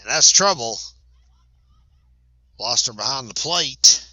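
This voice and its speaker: A man calling a high school softball game play-by-play, chatty and quick to correct himself. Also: expressive, dry recording, dull audio. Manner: chatty, self-correcting, laughs at big plays. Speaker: play-by-play announcer. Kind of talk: sports commentary.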